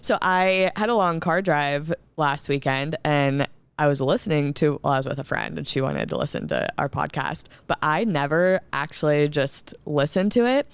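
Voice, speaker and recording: Soft-spoken young woman co-host. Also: moderate pace, clean tone, dry recording. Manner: soft-spoken, low projection. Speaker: podcast co-host. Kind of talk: casual chat.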